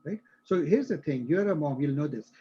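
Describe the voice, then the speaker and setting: A man's voice: a little high, animated, a little fast, warm tone, husky, muffled recording. A male instructor explaining a concept to a live class, using everyday examples and often checking that students follow.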